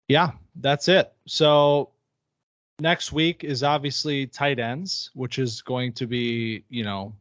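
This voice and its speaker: A man co-hosts a casual sports podcast, chatty and upbeat, frequently restarting his phrases. His voice is medium in pitch, with no room sound on the recording.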